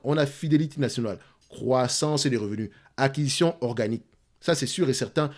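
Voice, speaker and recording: A man's voice: medium pitch, a little mellow. Man, Cameroonian French accent, mid-range voice; emphatic teacher explaining investing, repeats key points. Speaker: investing channel host. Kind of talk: explaining stock analysis to viewers.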